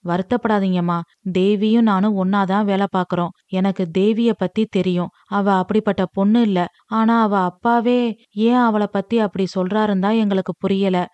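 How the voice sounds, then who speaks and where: A woman's voice: medium pitch, fairly even intonation, moderate pace, a little mellow, dry recording, lo-fi sound, close to an everyday voice. Sure-of-herself lady bank officer, read by a woman, firm and plain, dry sound. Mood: reassuring.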